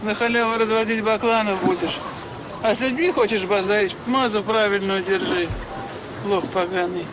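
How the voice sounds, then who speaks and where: A woman's voice: medium pitch, steady tone, normal speed, a crowd in the background, lightly acted. An older woman playing a hard, fearless ex-convict in a film, speaking tough Russian prison slang. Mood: contemptuous, threatening. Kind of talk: film acting, streetwise confrontation. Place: outdoors by the sea. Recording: noisy outdoor seafront film sound.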